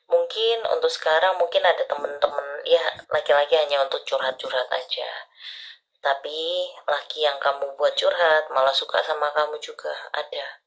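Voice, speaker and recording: A woman's voice: deep voice, fairly even intonation, normal speed, rough recording. A woman doing palm readings for a caller on a live stream, talking intimately and often dropping to a whisper. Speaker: palm reader.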